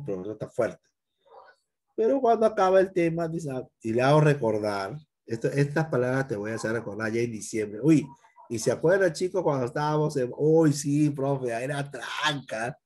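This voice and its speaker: Teacher guy talking straight to his student, middle-aged, really lively up and down voice. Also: medium pitch. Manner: talks straight to one student, acts out pupils' fears. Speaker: computer teacher. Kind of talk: recorded class lesson.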